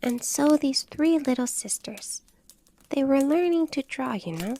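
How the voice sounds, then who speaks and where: A woman's voice: high voice, animated, measured pace, warm tone, a little hiss or hum, voice pushed up. A woman voicing a sleepy, touchy little male dormouse in a storybook reading. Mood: sulky sleepy. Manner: drowsy, huffy.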